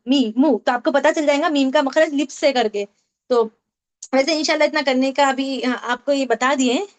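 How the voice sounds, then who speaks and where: A woman teaching a Tajweed class online, explaining step by step, asking the class questions and repeating key points. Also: high-pitched. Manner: explains with questions and repetition, mixes English terms. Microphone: online meeting call.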